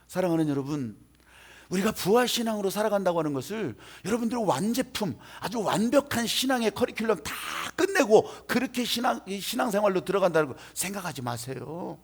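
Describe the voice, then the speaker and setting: A male pastor preaching an emotional sermon, swinging between loud exhortation and hushed, quiet passages. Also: sits high, big pitch swings, brisk, husky. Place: church sanctuary.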